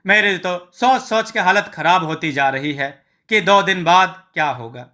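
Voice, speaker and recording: A meek, downtrodden street vendor pleads in a high, bright voice, as a man voices him. He speaks humbly. This is a storybook tale voice. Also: a little slow. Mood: downcast. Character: meek, poor male street-food vendor, trusting in God.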